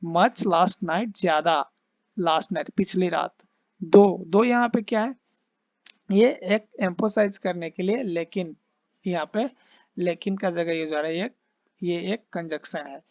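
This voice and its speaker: A man teaching English in Hindi, explaining phrases and slowly modeling their intonation. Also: sits high, darkish tone, dry recording, dull audio. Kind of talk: casual spoken English lesson in Hindi.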